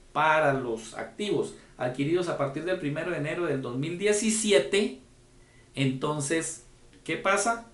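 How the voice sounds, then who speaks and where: A man's voice: fairly high pitch, roomy sound. A man giving a conference lecture on tax rules, explaining step by step and often checking in with the audience. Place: conference room.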